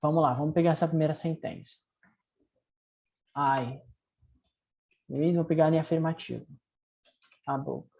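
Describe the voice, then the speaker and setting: An English teacher with a Brazilian Portuguese accent leads a recorded language lesson, explaining grammar patiently step by step and checking in with students often. The voice is mid-range and warm with fairly even intonation, reading English drill sentences slowly and clearly.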